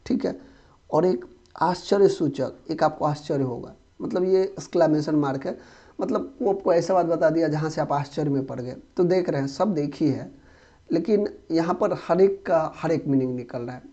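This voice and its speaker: A man's voice: on the high side, normal speed, mellow. Chatty young male teacher, lo-fi sound. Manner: conversational, checks understanding often. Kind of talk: exam-prep grammar lesson. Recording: dull lo-fi recording.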